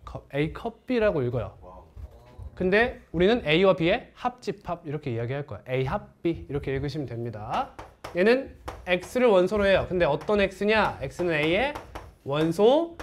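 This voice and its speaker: Lively male math teacher with a swinging pitch. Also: measured pace. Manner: lively teacher who asks the class questions and answers them himself. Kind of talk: classroom math lecture.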